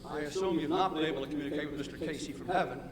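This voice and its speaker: A man acting as opposing attorney, cross-examining a witness in a mock trial in a slow, wry manner. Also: on the high side. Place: courtroom. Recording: distant, roomy hall with noise.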